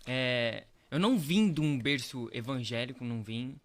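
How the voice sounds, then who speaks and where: A young Brazilian pastor, guesting on a podcast, shares his faith testimony in a casual chat. His mid-range voice has lively intonation and a normal pace, and he's earnest, repeating phrases and tagging questions onto his sentences often.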